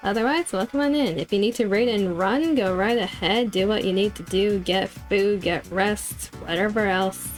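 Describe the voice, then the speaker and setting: A woman's voice: medium pitch, normal speed, hardly any pauses. A woman streamer chatting to her viewers during a live game stream, with a cute, bubbly anime-streamer delivery. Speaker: VTuber streamer. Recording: music in the background. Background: game music.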